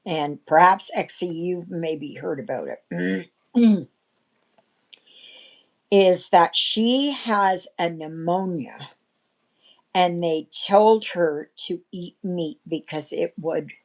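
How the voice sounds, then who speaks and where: A woman in her sixties hosting a casual livestream chat, rambling and often clearing her throat. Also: lowish voice, animated, slow pace, poor audio. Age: 60s. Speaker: livestream host.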